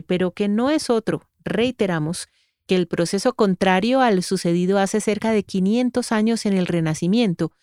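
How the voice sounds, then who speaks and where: A woman reads a scripted podcast narration in a measured, formal way. Her voice is smooth and clear, recorded close and dry with no room sound. Her pitch sits in a middle range. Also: a little mellow, dry recording.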